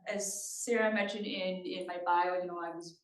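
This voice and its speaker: A woman from Thailand with a fairly low voice and fairly even intonation speaks at normal speed in a conversational community-meeting presentation. She engages the audience and checks in with them often, and the audio is roomy, picked up by a distant mic.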